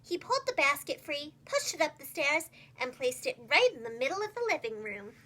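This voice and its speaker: This is a brisk storybook reading for little kids by a woman whose voice is high and bright. Like a preschool teacher, she articulates every phrase with care, and her tone stays expressive and full of animation.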